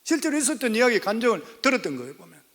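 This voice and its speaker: Pastor, man in his 50s, high bright voice, preaching in a church with long reverb. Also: sing-song, racing. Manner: storytelling sermon, rising to emphatic exhortation. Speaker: senior pastor. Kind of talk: sermon. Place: church sanctuary.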